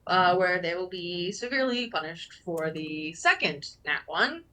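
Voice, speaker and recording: Bright, playful woman at a gaming table. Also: on the low side, expressive, measured pace, rough recording. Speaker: tabletop game player. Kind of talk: casual in-character improvised chat.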